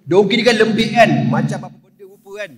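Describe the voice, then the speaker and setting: A man's voice: high-pitched, quick pace, slightly rough. A man with a Malaysian Malay accent, a preacher telling a sacred story in a playful, slangy comic style and often turning to the crowd. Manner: playful, slangy, keeps asking the crowd "you know?". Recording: echoey hall reverb.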